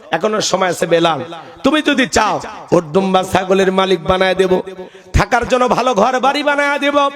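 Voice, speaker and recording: A man's voice: high voice, close to an everyday voice. A man voicing a cruel, mocking male tyrant in a sermon story, taunting and coaxing.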